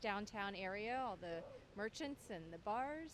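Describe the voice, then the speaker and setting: A woman's voice: medium pitch, expressive, measured pace, a crowd in the background, poor audio. A woman with a mid-range voice answers a street interviewer. Her answers are short and offhand. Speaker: passer-by.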